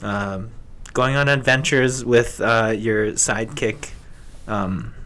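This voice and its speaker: A man's voice: fairly low pitch, steady tone, takes it slowly, pushed and bright. A man speaking as a guest in a casual, improvised way, often searching for his words. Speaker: guest pitching game ideas. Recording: clear background noise.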